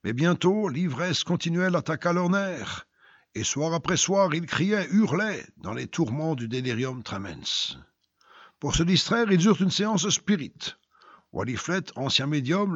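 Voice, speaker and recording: A man reading a dramatic story aloud, swinging between loud and hushed delivery. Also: fairly high pitch, breathy edge, no echo. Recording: dull lo-fi recording.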